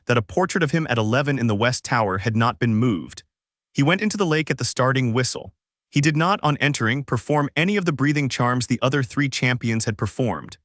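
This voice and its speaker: A man narrates a long story in a measured, even manner, letting each clause land before the next. His voice sits at a middling pitch and is recorded close and dry, with no room sound. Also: no echo. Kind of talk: scripted narration.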